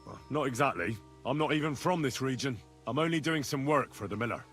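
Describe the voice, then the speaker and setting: Earnest young adventurer, music behind. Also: male voice, medium pitch, lively intonation, fairly quick, fairly bright tone. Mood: earnest, defensive. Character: plain-spoken young adventurer, earnest and curious. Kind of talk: video game character dialogue.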